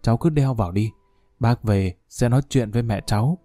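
A man's voice: mid-range voice, fairly quick, dark tone, dry recording, soft background music, close to an everyday voice. A man voicing an elderly woman, a tender, grieving mother figure with a choked, tearful tone, in an audiobook drama reading. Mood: gentle. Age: older.

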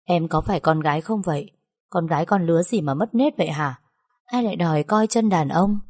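A woman's voice: fairly low pitch, a little fast, a little mellow, slightly rough, no echo, clean studio sound. A woman voicing a stern young master who speaks curtly and scolds. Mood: scolding. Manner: scolding, curt. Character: stern young master, man, curt and gruff.

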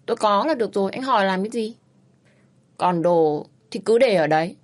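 A woman voicing a fiery, stubborn young woman who speaks in high, shrill outbursts and pleads loudly. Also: animated, brisk, close to an everyday voice. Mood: defiant.

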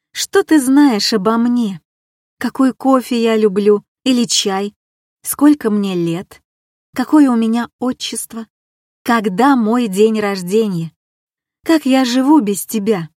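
A woman's voice: on the high side, slow pace, a little mellow, dry recording, studio quality. A woman reading an audiobook and voicing a weary, bitter woman who reproaches her lover with probing questions. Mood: reproachful.

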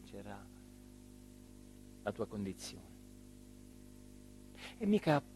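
A male stage actor, speaking with a southern Italian accent, delivers a monologue as an abandoned, embittered small-town mayor, moving between hushed murmurs and loud declamation. He sounds wounded and reproachful, and the recording carries no room sound.

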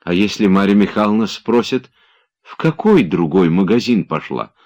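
A man voicing an anxious, impatient young gentleman in an audiobook. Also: low voice, animated, moderate pace, lo-fi sound, pitched above the performer's own voice. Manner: anxious, pressing.

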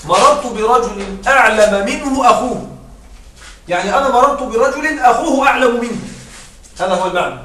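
High-voiced man teaching grammar in a roomy classroom. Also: expressive, brisk, bright, forceful tone, far from the mic, a little hiss or hum. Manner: explains step by step, repeats examples, checks with rhetorical questions.

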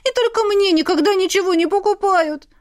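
A woman voicing a sulky, pushy teenage younger sister in an audiobook, with a high, loud and whiny delivery. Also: animated, normal speed, dry recording, studio quality. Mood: aggrieved.

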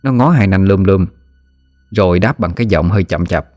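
Low-voiced man telling a ghost tale. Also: fairly quick, soft background music. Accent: Southern Vietnamese. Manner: lively, vivid folk storytelling. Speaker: narrator. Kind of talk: scripted storytelling narration.

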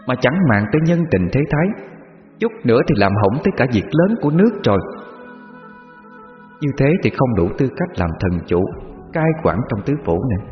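A man's voice: mid-range voice, close to an everyday voice. A man voicing a stern, regal female mother goddess who scolds and commands, in a muffled recording with long reverb.

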